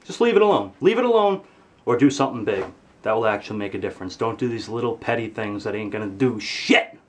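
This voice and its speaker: Animated and fast, a teenage vlogger rants comedically to camera indoors in his bedroom, swinging from shouts to mutters. He swears freely, exaggerates his anger, and his pitch jumps high at peaks of outrage.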